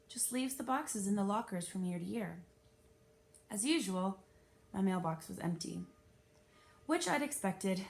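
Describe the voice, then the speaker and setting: Reading a children's novel aloud, a woman with a medium-pitched voice tells the story in an expressive, animated and emphatic way.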